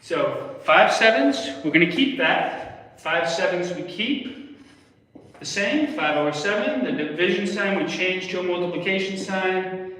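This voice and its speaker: Young guy doing a casual math lesson, repeats steps, kinda high voice, super echoey room. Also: unhurried, bright, forceful tone. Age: young adult. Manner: step-by-step explaining, repeats himself. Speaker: math teacher on a livestream. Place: indoor room with whiteboard in a public library. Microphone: phone camera a step away. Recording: echoey room, distant microphone.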